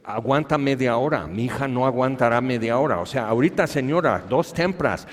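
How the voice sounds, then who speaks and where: A man voicing a desperate middle-aged father who pleads urgently and resentfully, louder and higher than his own voice. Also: lively intonation, brisk, close to an everyday voice. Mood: urgent pleading. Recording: long hall reverb.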